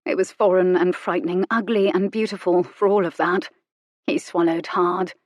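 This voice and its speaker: A woman narrating a romance novel in an intimate, measured reading. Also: on the low side, steady tone, no echo, lo-fi sound. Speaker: audiobook narrator.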